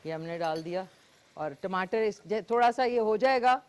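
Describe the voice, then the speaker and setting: A woman's voice: mid-range voice, animated, normal speed. Chatty Pakistani woman hosting a cooking show. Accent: Pakistani Urdu. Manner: chatty, talks while cooking, frequent fillers. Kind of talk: live cooking demonstration with callers.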